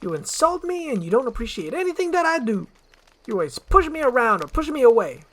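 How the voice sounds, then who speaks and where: A woman voicing an excitable, loyal talking donkey who nags in colloquial, mouthy speech, in a read-aloud fairy tale screenplay. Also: fairly high pitch, voice pushed up. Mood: indignant. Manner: nagging, fast-mouthed, colloquial.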